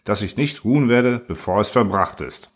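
Husky low-voiced lecturing machine ruler, read by a man, calm and condescending. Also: normal speed. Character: cold, lecturing order-obsessed machine ruler.

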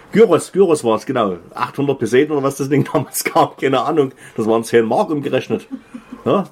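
A man's voice: medium pitch, fairly quick, slight background noise. A middle-aged man with a Saxon German accent, co-hosting a podcast in loose, enthusiastic chat full of fillers. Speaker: podcast co-host, DJ. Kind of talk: casual chat.

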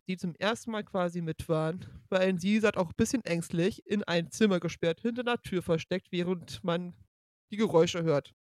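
Brief: woman storyteller, lively, mimics noises, dry close mic. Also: lowish voice, no echo. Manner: lively, acts out quotes and sound effects. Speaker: podcast guest. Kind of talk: animated storytelling.

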